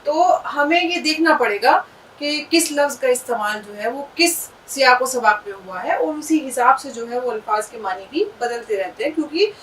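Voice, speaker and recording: Woman teacher, high voice, sounds out letters slowly, patient lesson, mic set back. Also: animated, a bit bright, distant mic, a little hiss or hum, poor audio. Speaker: Urdu teacher. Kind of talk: language lesson.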